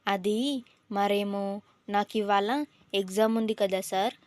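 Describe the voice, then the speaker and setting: A woman's voice: mid-range voice, little pitch movement, measured pace, dry recording, lightly acted. A woman voicing a dramatic young female student who whines and pleads tearfully in a storybook. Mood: melodramatic whining. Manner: whiny, melodramatic pleading.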